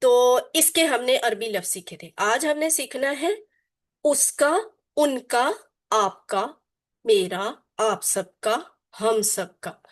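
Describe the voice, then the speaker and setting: A woman's voice: a little high, animated, slow. A woman teaching a Quran Arabic class, drilling her students with repetition and call-and-response and mixing in English terms. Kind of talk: online class lesson.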